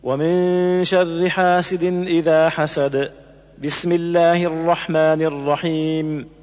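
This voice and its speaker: A man reciting Quranic verses slowly in a melodic chant, drawing out the vowels, as examples in a lesson. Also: on the high side, level tone, darkish tone, long reverb tail.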